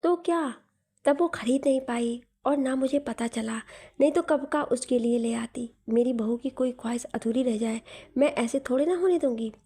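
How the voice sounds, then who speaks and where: Woman doing an unbothered older mother, high voice, husky, storybook reading. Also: moderate pace. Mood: offhand. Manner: relaxed, matter-of-fact. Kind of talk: storybook narration.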